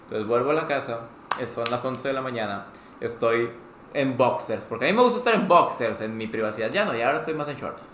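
A man's voice: mid-range voice, fast. A young man with a Mexican Spanish accent, co-hosting a podcast and telling a story in casual chat, acting out quotes. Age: young adult. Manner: animated, acts out quotes with swearing. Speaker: podcast co-host. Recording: roomy echo, faint noise.

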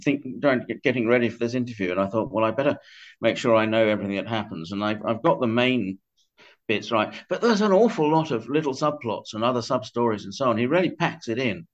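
An older man appears as a podcast guest discussing a book, speaking conversationally in a mid-range, animated voice. He sounds tentative and halting, frequently correcting himself. The audio is dull and band-limited.

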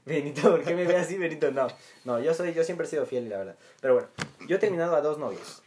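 A man's voice: fairly high pitch, lively intonation, fast, darkish tone. Teasing man, faint hiss. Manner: teasing, playful, keeps repeating his friend's name. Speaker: host. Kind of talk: joking casual chat.

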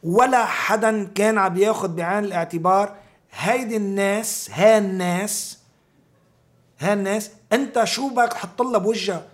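A man's voice: high voice, normal speed. A man with a Lebanese accent in an informal political discussion, talking emphatically with repeated phrases and rhetorical questions.

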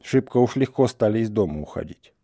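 A gruff old village grandfather, calm and blunt, scolding without hurry, as a male reader puts him on. The voice sits low and warm. The sound is dry and close. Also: a little fast, no room sound.

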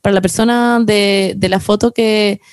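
A young woman with a Chilean accent, telling stories rapidly in a casual podcast chat, full of slang and stray English phrases. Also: mid-range voice, fairly even intonation, no room sound, studio quality. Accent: Chilean Spanish. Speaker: podcast host.

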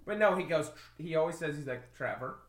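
A man in his twenties co-hosting a podcast, animated and blunt, swearing freely. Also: a little high, quick pace, echoey room. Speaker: podcast co-host. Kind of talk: casual podcast chat.

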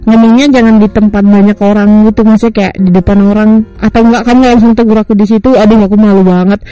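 A woman's voice: mid-range voice, fairly even intonation, fast, mellow, faint music behind, low-quality recording. A young woman hosting a podcast, chatting casually and laughing often. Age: young adult. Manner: giggly, chatty, frequent laughter. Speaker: podcast host. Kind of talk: casual chat.

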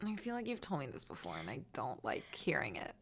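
A woman co-hosting a casual chat, reacting with quick, sarcastic quips. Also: rumbling low, huge pitch swings, husky. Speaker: podcast co-host.

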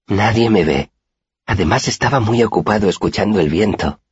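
A man voicing a shy, dreamy young woman who speaks with wistful, childlike wonder in a softened, husky voice. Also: on the low side, normal speed, no echo, voice pushed up. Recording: dry, slightly dull recording.

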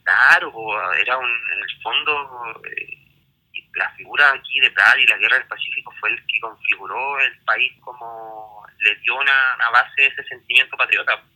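Bright-voiced Chilean man, rambling chat. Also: mid-range voice, normal speed, poor audio. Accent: Chilean Spanish. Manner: rambling, many restarts and fillers. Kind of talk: casual history discussion.

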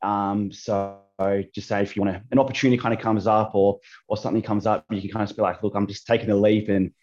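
This Australian man in his thirties talks fast as a podcast guest on a call, casual but hesitant, with many ums, fillers, and restarts. His voice is fairly low with flat delivery and a darkish tone, and the highs are cut off.

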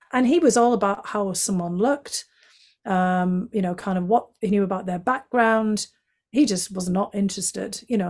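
A woman's voice: medium pitch, darkish tone. A middle-aged woman with a Northeast English accent, from County Durham, answering interview questions in a fluent, candid way with frequent fillers. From County Durham, England. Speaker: guest, former intelligence analyst.

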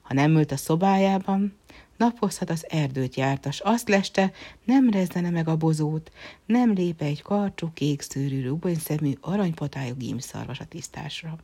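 A storyteller reading a fairy tale aloud in steady narration. The voice rises on key words. The ends of phrases sink to a soft, almost whispered hush. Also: mid-range voice, breathy edge. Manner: phrase ends drop to a hushed near-whisper.

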